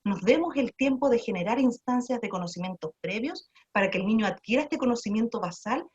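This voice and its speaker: A woman's voice: fairly high pitch, expressive, a little fast, darkish tone, muffled recording. A woman lecturing on early childhood education. She explains patiently, asks herself rhetorical questions and often restarts her sentences. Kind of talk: online lecture answering a question.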